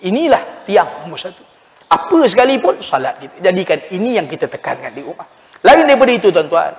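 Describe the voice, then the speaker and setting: High-voiced preacher in mosque. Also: male voice, a little fast, vocal fry. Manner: animated storytelling, addresses listeners as "tuan-tuan". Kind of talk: mosque sermon. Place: mosque hall. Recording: long reverb in a mosque hall.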